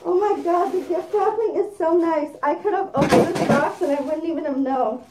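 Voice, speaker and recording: A woman's voice: very high-pitched, normal speed, roomy sound, recorded from a distance, very noisy. A woman chatting casually as she unboxes gifts while speaking through a costume head. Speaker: vlogger.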